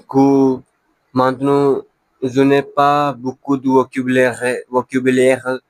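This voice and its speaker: A man speaks broken, beginner French with a non-native accent, at a very slow pace. He halts to hunt for words and often repeats them, as in a casual practice monologue. His medium-pitched voice is recorded dry, with little room sound. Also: dry recording, poor audio. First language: not French, a beginner learner of French. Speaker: language learner.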